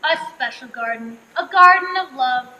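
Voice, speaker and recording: A woman's voice: high voice, animated, moderate pace, sharp tone, full character voice. A woman playing an earnest, syrupy TV-movie narrator, giving mock-sentimental narration in a dramatic way. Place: theatre stage. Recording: roomy stage, faint noise.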